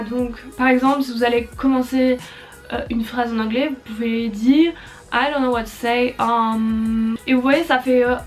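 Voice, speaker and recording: Young female YouTuber, twenties, high-pitched, casual and hesitant delivery, faint music bed. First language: French. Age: 20s. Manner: chatty, many fillers and hesitations. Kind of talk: casual talk to camera giving language tips. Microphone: compact camera.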